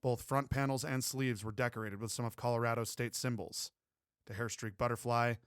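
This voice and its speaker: A man reading a romance audiobook aloud with steady, even pacing and a middle voice. The sound is close and dry, with no echo at all. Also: mid-range voice, a little fast, smooth. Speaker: audiobook narrator. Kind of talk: scripted narration.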